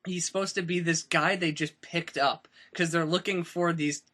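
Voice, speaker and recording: A man's voice: fairly high pitch, steady tone, normal speed, pushed and bright. A man in his twenties co-hosting a casual podcast in a friend's house, rambling with plenty of fillers and restarts. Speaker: podcast co-host. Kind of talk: casual chat.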